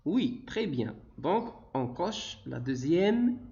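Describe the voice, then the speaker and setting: Man, Moroccan accent, teacher, very slow, high and sing-song, phonics lesson for children, muffled lo-fi audio. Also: big pitch swings, creaky, dark tone. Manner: drawn-out, sing-song delivery with frequent praise. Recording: dull, lo-fi recording.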